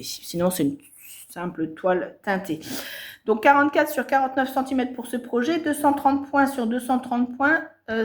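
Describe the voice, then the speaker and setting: A woman chatting casually to her viewers about her stitching projects, with many hesitations and self-corrections. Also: on the high side. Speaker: cross-stitch vlogger. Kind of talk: casual show-and-tell chat.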